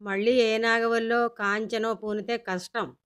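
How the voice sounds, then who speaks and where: A woman's voice: fairly high pitch, fairly even intonation, unhurried, smooth, close to an everyday voice. A woman voicing an exasperated, practical mother who patiently explains things to her daughter in a storybook reading. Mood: explaining. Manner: explaining patiently, with dry grumbles.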